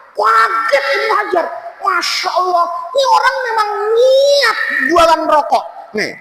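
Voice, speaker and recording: High-voiced, lively male preacher. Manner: lively, swings between high shouts and low asides. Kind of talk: humorous storytelling sermon. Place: large religious hall. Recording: echoey hall, faint noise.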